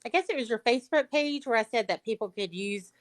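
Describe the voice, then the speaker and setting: A woman's voice: fairly high pitch, lively intonation, quick pace. A woman with a Southern US accent, telling a chatty story as a guest on a livestream. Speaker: paralegal and sweepstakes guest. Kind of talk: casual storytelling chat. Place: livestream video call.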